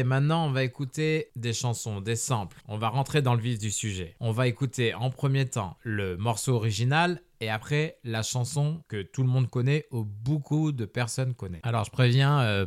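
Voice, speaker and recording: A man hosting a podcast, explaining things in a relaxed, casual way, often pausing with filler sounds and restarting his sentences. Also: medium pitch, dry recording, studio quality. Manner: relaxed, conversational. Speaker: podcast host.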